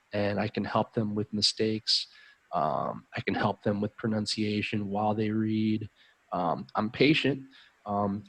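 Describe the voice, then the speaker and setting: With a lowish, slightly bright voice, this American English tutor chats on his live stream in a warm, upbeat manner. It's a casual talk peppered with frequent ums.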